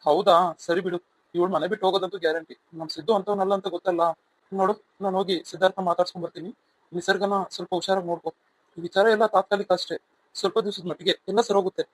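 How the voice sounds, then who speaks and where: A man's voice: high voice, steady tone, racing, no echo, poor audio. A man voicing a stern, protective elder brother in a cartoon serial, blunt and commanding.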